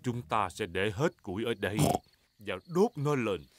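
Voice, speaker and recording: A woman's voice: rumbling low, big pitch swings, normal speed, over loud music. A woman voicing a jolly, boastful, clumsy father pig in a cartoon, cheerful and self-assured.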